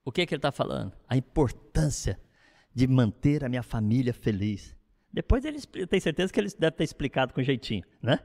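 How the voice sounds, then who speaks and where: A middle-aged man, a pastor, preaching a sermon in an animated, conversational way with frequent asides to the congregation. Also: medium pitch, a little fast, vocal fry, big-room sound.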